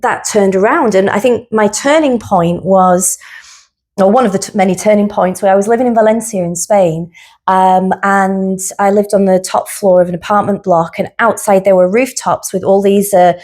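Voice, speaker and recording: Woman guest, psychotherapist, candid and earnest, mid-pitched voice, steady personal storytelling. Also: moderate pace. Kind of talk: personal reflective conversation.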